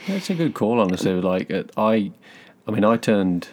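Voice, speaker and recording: A man of about thirty co-hosting a laid-back podcast. His voice is very deep. He talks in an easygoing, thoughtful way and often restarts his sentences mid-thought. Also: big pitch swings, moderate pace, a little mellow. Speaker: podcast co-host. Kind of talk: casual podcast chat.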